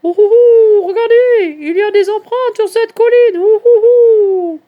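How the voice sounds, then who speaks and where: A woman voicing an excitable female owl who keeps hooting between her words in a children's story. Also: very high voice, a little slow, phone-quality sound, voice pushed up. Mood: eager. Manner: hoots often between words.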